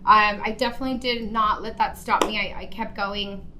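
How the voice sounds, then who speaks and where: A woman's voice: mid-range voice, fairly even intonation, moderate pace, noisy background. A woman in her thirties from El Paso, Texas, telling her life story as a podcast guest in an earnest way, with many ums and you-knows. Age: 30s. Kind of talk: casual personal story on a podcast.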